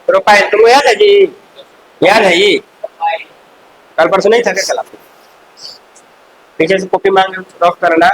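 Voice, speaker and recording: A male chemistry teacher in a classroom, firing quick questions at students and scolding them in chatty asides. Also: high-pitched, rough recording. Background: faint hiss.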